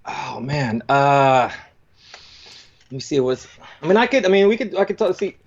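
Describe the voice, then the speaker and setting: A man's voice: on the high side, big pitch swings, moderate pace, gravelly, highs cut off. A man in his thirties, a talk show guest, bantering and joking in a laid-back way. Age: 30s. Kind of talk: casual radio talk show chat.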